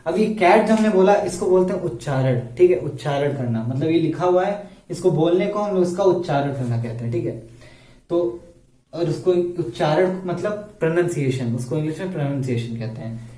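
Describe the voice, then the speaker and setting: A man's voice: fairly high pitch, animated, brisk, dark tone, far from the mic. A man teaching a beginners' grammar lesson at a board, explaining step by step and asking and answering his own questions. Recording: echoey room, voice off-mic.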